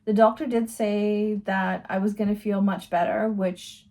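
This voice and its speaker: A woman's voice: medium pitch, steady tone, a little slow, warm tone. A young woman, talking casually to camera in a rambling, conversational vlog style. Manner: rambling, conversational, with loose fillers. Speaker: vlogger. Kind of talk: casual chatty vlog talk.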